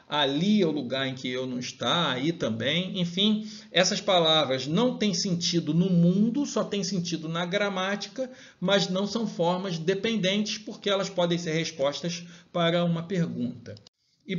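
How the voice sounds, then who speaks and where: High-voiced man teaching a grammar class. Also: highs cut off. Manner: explanatory, frequent tag questions. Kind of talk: recorded lecture.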